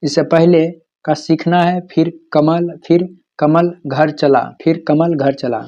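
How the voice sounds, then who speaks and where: A man lectures for an exam, saying each key term again and again, then asking the class a question and answering it himself. His voice sits fairly high but sounds mellow and soft-edged. The recording is dull and lo-fi. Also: steady tone, slow. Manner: repeats key terms for drilling, asks and answers his own questions. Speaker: teacher.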